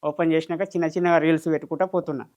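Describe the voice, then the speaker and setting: A man's voice: on the high side, steady tone, rapid-fire, a little mellow. A man with a Telangana Telugu accent answering interview questions, insistent and defensive, repeating his points. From Telangana, India. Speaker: social media entertainer, interview guest.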